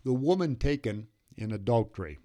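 A man reading a religious story aloud as the narrator, in a slow, measured way. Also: medium pitch, animated, warm tone. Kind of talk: scripted scripture narration.

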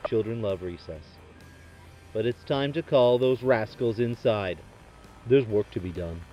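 A man doing a deadpan comedy bit as a trucker talking over a CB radio, full of radio lingo. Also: lowish voice, a little slow, muffled recording, soft background music.

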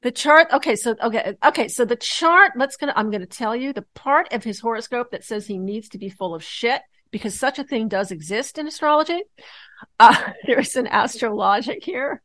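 A woman co-hosting a casual podcast, talking astrology and politics in an excitable, rambling way with many restarts. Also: fairly high pitch, moderate pace, dry recording.

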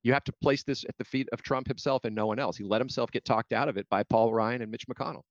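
Here the American interviewee keeps his medium-pitched voice fairly even while arguing political points, often breaking off and restarting to rebut. It's a dry, slightly muffled lo-fi recording.

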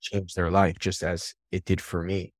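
A man, a podcast guest and sales coach, telling stories from his career in a lively, casual way and swearing now and then. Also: sits low, measured pace, no room sound, studio quality. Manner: animated storyteller, swears casually. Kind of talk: casual interview storytelling.

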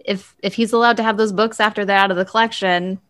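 A woman co-hosting a library podcast chats casually with a panel as she introduces a news item. Her voice is mid-range and a bit bright, with fairly even intonation and a fast pace.

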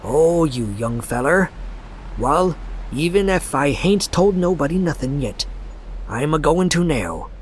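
A man's voice: fairly high pitch, animated, a little slow, a little hiss or hum, voice pushed up, poor audio. A man voicing a crazed, terrified old harbor drunk in a storybook reading, ranting in a rustic old dialect. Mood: conspiratorial. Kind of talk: audiobook character voice.

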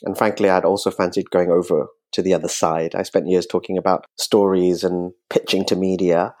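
A man talking casually as a podcast guest, chatty and quick to laugh. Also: sits low, little pitch movement, a little mellow. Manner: chatty, laughs easily, jokes about his sultry podcast voice. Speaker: podcast guest, magazine co-founder. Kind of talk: casual interview talk.

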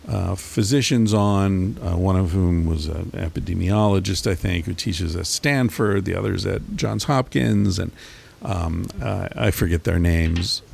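Gravelly low-voiced man rambling casually. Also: darkish tone. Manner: rambling, profane, with many fillers and restarts. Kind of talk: casual monologue.

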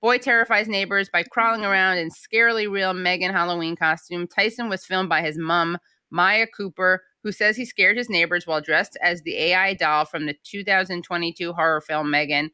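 A woman co-hosts a casual podcast, reading news stories aloud and adding wry, deadpan asides. Her voice is lowish yet bright and forward. The sound is dry and close. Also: moderate pace, clear, resonant tone, dry recording. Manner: wry, dry humor, reads articles aloud. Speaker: podcast co-host.

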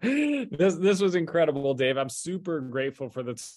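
A man's voice: a little high, big pitch swings, moderate pace, a little mellow, no room sound. A man hosting a podcast interview, thoughtful and asking long open questions. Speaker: podcast host.

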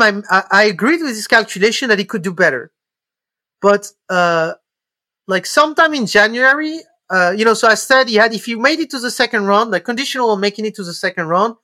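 A man, a guest giving casual analysis and often pausing on fillers and restarting his sentences. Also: high-pitched, sharp tone, no echo. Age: 30s. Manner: hesitant, many fillers and restarts. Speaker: guest commentator.

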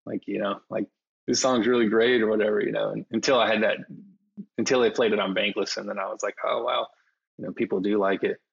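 A man's voice: fairly low pitch, steady tone, quick pace, creaky, breathy edge, dull audio. A man chatting as a podcast guest in a hesitant, self-deprecating way, full of fillers. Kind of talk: casual interview conversation.

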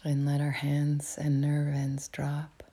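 Soft-spoken nasal woman guiding meditation. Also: deep voice, completely flat delivery, takes it slowly, husky. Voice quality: soft, half-whispered delivery. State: has a cold, nasal. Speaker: meditation guide. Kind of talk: guided meditation. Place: writer's cabin with a crackling fire.

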